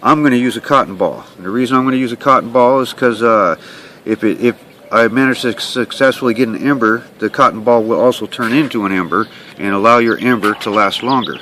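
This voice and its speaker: A man giving a hands-on how-to demonstration in a plain-spoken, instructional way, often checking in with a quick okay. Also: mid-range voice, bright, forceful tone. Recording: clear ambient and handling noise.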